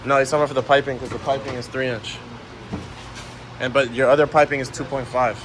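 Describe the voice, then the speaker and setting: A young man vlogging at an outdoor muffler shop, casual and slangy, quick to get loud and excited. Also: medium pitch. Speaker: car vlogger. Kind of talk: casual vlog narration. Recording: outdoor video with loud engine noise. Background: loud car engines and exhausts.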